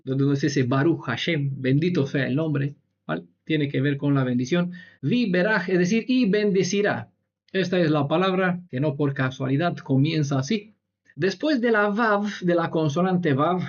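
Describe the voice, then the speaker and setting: A man's voice: sits high, highs cut off. A man giving an explanatory Bible lesson, patiently spelling out letters and checking in with his listeners as he goes. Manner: spells out Hebrew letters slowly, with short laughs. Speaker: Bible teacher.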